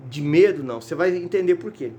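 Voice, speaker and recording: A man's voice: fairly high pitch, lively intonation, fast, warm tone. A man preaching a fervent sermon in a church, reading Bible verses aloud and often crying out hallelujah and brothers. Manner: repeats words and restarts while reading. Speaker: evangelist preaching on a Bible chapter. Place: church sanctuary.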